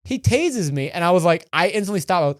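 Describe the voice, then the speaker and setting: A man's voice: high voice, lively intonation, fast, no room sound, clean studio sound. A young man in his twenties, a podcast co-host telling a rambling, profane story in casual chat.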